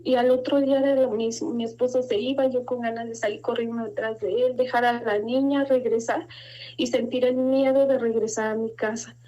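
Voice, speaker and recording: A middle-aged woman giving an earnest, halting personal testimony of faith and fear, her voice rising as she recalls her fears. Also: fairly high pitch, steady tone, dark tone. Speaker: guest giving a religious testimony. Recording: dull lo-fi sound.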